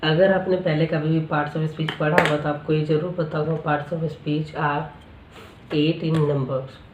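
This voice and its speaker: A male English teacher talks through a lesson, asking the class questions and answering them himself. He drills pronunciation by saying each word slowly several times over. His voice rings with a roomy echo. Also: on the high side, little pitch movement, dull audio, noisy background. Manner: explanatory, asks the class rhetorical questions. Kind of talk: spoken-English lesson explained in Hindi.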